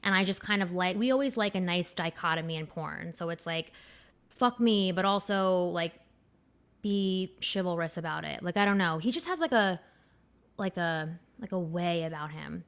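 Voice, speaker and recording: A young woman hosts her podcast in loose, candid chat, swearing freely and wandering off on tangents. Her voice sits a little low and sounds smooth and clear. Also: normal speed, a bit bright. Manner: candid, crude and rambling, with many fillers. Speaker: podcast host. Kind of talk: casual chat.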